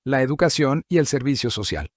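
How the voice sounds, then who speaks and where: A man giving a scripted narration, reading through points in a measured, list-like way. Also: medium pitch, lively intonation, no room sound, clean studio sound.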